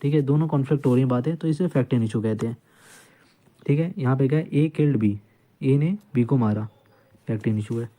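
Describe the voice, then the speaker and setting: A man lectures on law in a relaxed, informal way, walking through cases step by step and repeating phrases to make them stick. His voice is very dark and mellow, sitting at an ordinary middle pitch. He drops English legal terms into his talk as he explains. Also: brisk. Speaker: law tutor.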